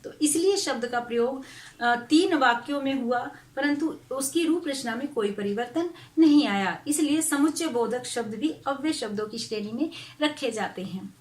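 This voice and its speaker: A middle-aged woman with a high voice gives a Hindi grammar lesson online. She speaks slowly and carefully, working through example sentences and pausing on soft fillers. The sound is roomy and echoey, and her voice sits a little off the mic. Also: recorded from a distance. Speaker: Hindi teacher.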